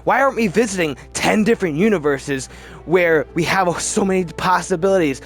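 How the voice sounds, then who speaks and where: Faint music plays behind a man whose high-sitting voice moves briskly as he ranks films. It's casual, opinionated commentary, full of rambling and words repeated for emphasis.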